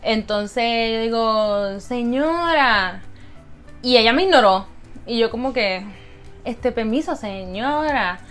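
A young woman, telling a story to camera as a vlogger in an animated, dramatic way and mixing in English words. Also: a little high, unhurried, clean tone, soft background music.

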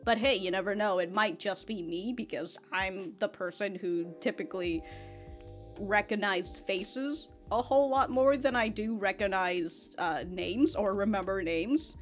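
Faint music sits behind this anime reaction host, a woman in her twenties with a mid-range, unhurried voice. She's close to a large foam-covered studio mic in a small anime-themed room, rambling casually with frequent laughter, swearing, and repeated words.

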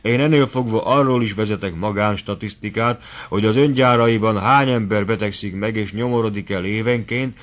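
A man voicing a blunt, heated middle-aged doctor who lectures loudly and forcefully in an audiobook. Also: lowish voice, natural voice. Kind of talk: audiobook character voice.

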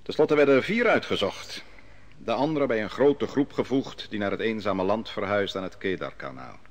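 An actor's low-leaning, expressive voice, close to how he'd normally speak, carries the role of a narrating prophet in 1950s Dutch radio drama. He portrays a grown exile solemnly recounting his youth at a foreign king's court, measured and solemn throughout.

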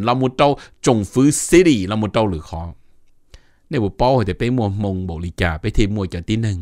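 A middle-aged man hosting a casual informational talk, animated and mixing in English terms. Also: on the low side, no echo, clean studio sound. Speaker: host giving advice.

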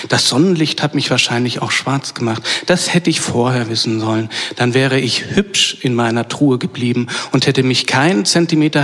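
A man's voice: mid-range voice, fairly bright tone, close to an everyday voice. A man reading aloud the lines of a frightened, childlike little ghost from a storybook, in a lamenting tone. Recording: long hall reverb.

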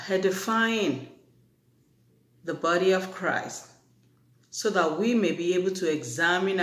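A preacher giving an earnest, exhorting Bible teaching, with many pauses and fillers. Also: medium pitch. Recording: echoey room.

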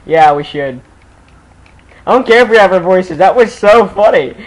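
A young man chatting casually while playing a co-op game, excitable and quick to break into laughter. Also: high voice, rough recording. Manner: excitable, bursts into loud laughter and shouts. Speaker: gamer recording co-op play. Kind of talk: casual gaming chat.

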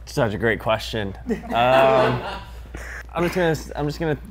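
A man's voice: mid-range voice, animated, normal speed, a crowd in the background. A young man on a dating game show who rambles and repeats himself. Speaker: contestant. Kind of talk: casual banter.

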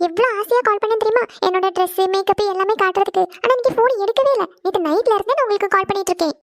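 A woman voicing a spoiled young bride from a rich family in a cartoon, talking quick and pouty. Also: extremely high pitch, no room sound, studio quality. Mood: sulking. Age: young adult. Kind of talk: cartoon voice acting.

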